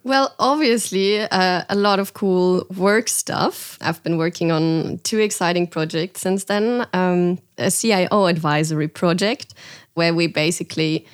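An upbeat woman hosts a casual podcast chat with a fairly low voice. She sounds friendly and lively in manner, with the odd hesitant filler between thoughts. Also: unhurried, clear, resonant tone. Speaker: podcast host.

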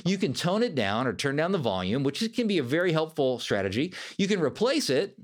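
A man's voice: on the high side, brisk. A man hosting a solo self-help podcast, talking emphatically and sometimes acting out the voices he describes. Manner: animated, emphatic, acts out quoted inner voices. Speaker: podcast host.

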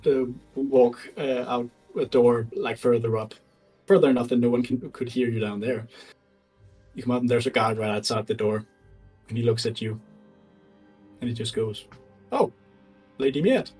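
A man running a tabletop game, narrating in a loose, halting way. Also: mid-range voice, level tone, darkish tone, far from the mic, faint music behind, rough recording. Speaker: game master.

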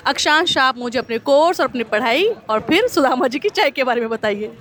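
A woman with a high, light voice interviews young people at a street tea stall. She is effusive and encouraging, cheering each answer. It is recorded outdoors in the city. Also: animated, a little fast, fairly bright tone. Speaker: host.

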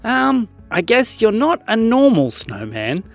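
A man voicing an eager, hesitant young boy who says um often and rises high when excited. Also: takes it slowly, creaky, faint music behind, full character voice.

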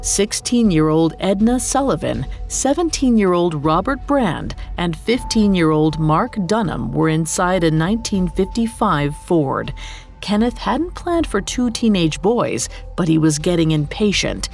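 A woman's voice: lowish voice, very animated, unhurried, gravelly, darkish tone, faint music behind. A woman narrating a scripted true-crime story in a dramatic, storytelling manner. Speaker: podcast narrator.

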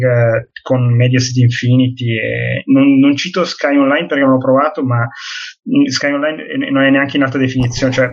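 A man talking over an online call, his voice coming through dull and muffled, as on a lo-fi line. He rambles along in a chatty, offhand way and swears casually as he goes. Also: mid-range voice. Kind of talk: casual chat on a group call.

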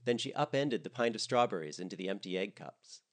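A man narrating a comedic storybook in a wry, expressive manner. His voice is lowish and swings widely in pitch. He reads with lively timing. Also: brisk.

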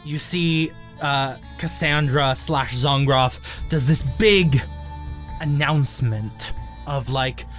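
A man improvising tabletop game narration as game master, descriptive and halting, with drawn-out pauses. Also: mid-range voice, fairly bright tone. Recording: faint music behind.

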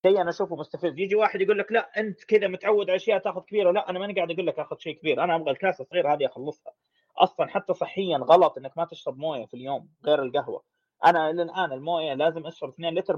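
Rapid-talking man, slightly high voice. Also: slightly rough. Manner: frank, talks in long runs with restarts. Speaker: podcast guest. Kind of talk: candid casual conversation. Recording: dull lo-fi audio.

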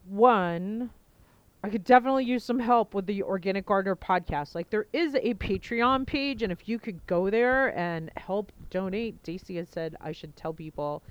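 A woman with a clear, smooth voice and a slightly low pitch for casual talk hosts her podcast. She speaks informally, thinking aloud and wandering from point to point. The sound is low quality, picked up through a headphone mic. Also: normal speed, no room sound, highs cut off. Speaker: podcast host. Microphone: headset, talking into headphones.

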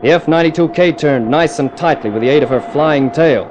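In an old radio drama with music underneath, a man plays a cool, wry jet test pilot narrating his own adventure in clipped, dramatic 1950s thriller style. His voice is on the high side and a little fast, lightly acted over a noisy background, the mood tense and wry.

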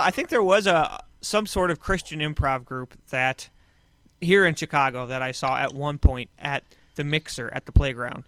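A man hosting a podcast from a couch, chatting casually with rambling, deadpan jokes. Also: medium pitch, clean tone. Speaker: podcast host. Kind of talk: casual chat. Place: small room on a couch.

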